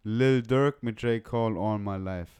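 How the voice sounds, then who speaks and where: A young northern German man, a music producer appearing as a podcast guest, chats casually about music in a slangy, blunt, opinionated way. His lowish voice is smooth and darkish, with a measured pace and no room sound.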